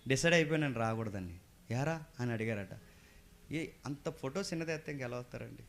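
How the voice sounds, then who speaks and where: A man with a Coastal Andhra Telugu accent preaching a sermon, firing rhetorical questions at the congregation and swinging between quiet asides and loud emphatic bursts. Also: a little high.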